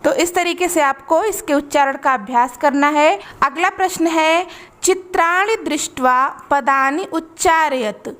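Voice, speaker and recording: A woman tutor, explaining a lesson and carefully pronouncing words one by one. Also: sits high. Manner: slow, careful word-by-word pronunciation drills.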